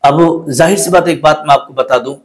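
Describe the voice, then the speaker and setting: A man teaching a religious lesson in polite, patient with a lilt. He corrects common mistakes and repeats words carefully. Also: on the high side. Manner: recites the Arabic prayer slowly in a melodic chant. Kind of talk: religious instruction to camera.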